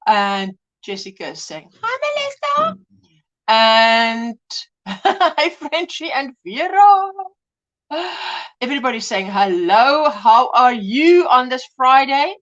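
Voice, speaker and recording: Speaking slowly with big pitch swings, a woman with a high-pitched, somewhat bright voice hosts a relaxed crochet livestream; the highs in the audio are cut off. Drowsy from pain tablets, she chats and greets viewers by name, using her home mix of English and Afrikaans.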